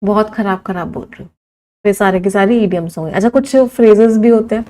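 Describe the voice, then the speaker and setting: A woman teaching an English vocabulary class. She lists words one by one, drawing each out slowly for students to write down, counts them aloud and answers students' suggestions. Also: mid-range voice, mellow, low-quality recording. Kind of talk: live exam-prep vocabulary lesson.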